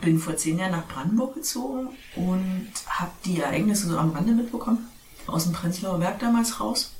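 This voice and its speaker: A woman in her forties from East Berlin talks thoughtfully in a casual roundtable, her voice a little low. She sounds distant from the mic in a roomy space, with faint noise behind her. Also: normal speed, a little mellow. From East Berlin, Germany. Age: 40s. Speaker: discussion guest.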